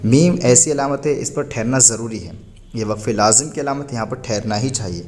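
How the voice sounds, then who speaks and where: A man teaching a Quran reading lesson. He spells words out slowly, letter by letter, and patiently answers his own questions. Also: medium pitch, a little mellow, a little hiss or hum. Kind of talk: recorded lesson.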